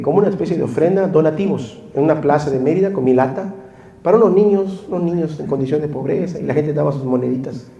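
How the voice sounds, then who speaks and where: A man with a Mexican Spanish accent preaching a sermon, swinging between loud pleading and hushed confession. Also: on the high side. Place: church hall. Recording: echoey room.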